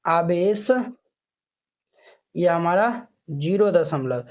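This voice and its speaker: In a classroom math tutorial, a man with a fairly high voice draws out his words as he goes through textbook exercises. He counts digits aloud one by one and checks that the students are with him.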